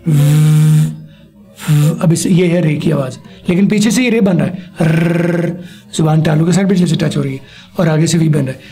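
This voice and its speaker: Gravelly, mellow-voiced male teacher drilling words. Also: fairly high pitch, faint music behind. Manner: drills words slowly for a pupil to repeat. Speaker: English teacher. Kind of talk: spoken language lesson.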